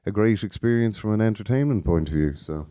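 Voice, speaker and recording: Mellow, low-voiced west of Ireland man. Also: lively intonation, a little fast, dry recording, studio quality. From Galway, west of Ireland. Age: middle-aged. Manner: rambling, self-interrupting. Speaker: interview guest, festival organiser. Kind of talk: casual podcast interview.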